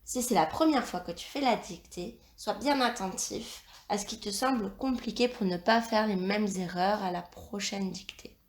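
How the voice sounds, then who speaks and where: A woman teacher giving a dictation lesson, slowly spelling out sounds and letters. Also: medium pitch, roomy sound. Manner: slow, carefully spelled-out instruction.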